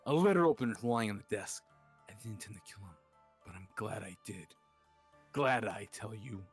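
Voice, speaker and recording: A man's voice: on the low side, normal speed, slightly rough, no echo, soft background music. A man reading as a young writer confessing to killing his father. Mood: defiant. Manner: reads a dramatic confession in an even voice. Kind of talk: murder mystery party role-play.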